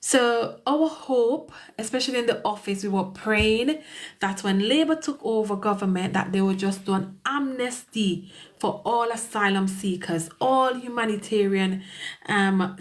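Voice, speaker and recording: A woman with a Caribbean accent, an immigration solicitor chatting casually on a live stream, greeting viewers by name and laughing often. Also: medium pitch.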